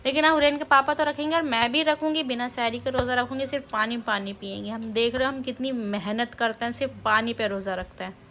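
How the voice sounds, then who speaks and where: Bright high-voiced woman vlogger. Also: fairly even intonation, quick pace, hardly any pauses, a little hiss or hum. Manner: chatty, speaks straight to viewers. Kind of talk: casual home vlog chat. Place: home at night.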